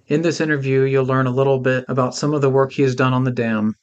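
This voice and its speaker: A man hosting a podcast, reading a scripted introduction in a measured, informational way. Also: mid-range voice, steady tone, highs cut off. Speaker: podcast host.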